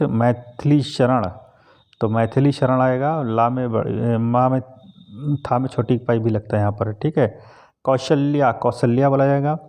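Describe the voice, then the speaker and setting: A man teaching an exam class on spelling correction, calmly going through each word and repeating its correct form. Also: medium pitch. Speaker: Hindi exam tutor.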